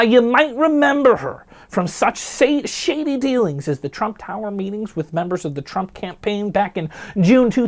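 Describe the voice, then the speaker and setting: A man hosting a news commentary show, delivering headlines with snarky, jokey asides. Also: high voice.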